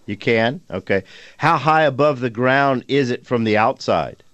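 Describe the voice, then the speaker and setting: A man's voice: mid-range voice, a little slow, fairly bright tone, no room sound. Older man hosting a call-in radio show.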